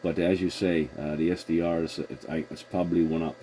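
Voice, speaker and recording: The voice is low and dark, flat in delivery and a little fast. It belongs to a man hosting a casual CB radio talk, using call procedure and rephrasing on the fly, recorded with noise; he's a CB radio operator and video host.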